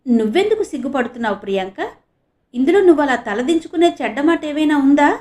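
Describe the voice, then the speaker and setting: Earnest young male reporter for an audio novel, eager and lively, as a woman narrator puts him on. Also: on the high side, normal speed, close to an everyday voice.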